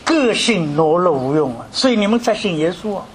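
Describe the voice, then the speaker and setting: Scornful mocking man, high voice, scoffing tone, done by a male preacher. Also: sing-song, fairly quick, slight background noise. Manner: scoffing, dismissive. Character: mocking middle-aged man, scornful skeptic.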